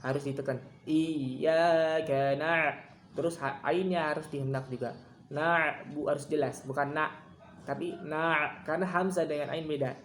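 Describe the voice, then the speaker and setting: A man teaching Quran recitation, chanting verses slowly and then explaining common mistakes in casual speech, contrasting wrong and right pronunciations. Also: a little high, fairly even intonation, echoey room, a little hiss or hum. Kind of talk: recitation lesson with demonstrations.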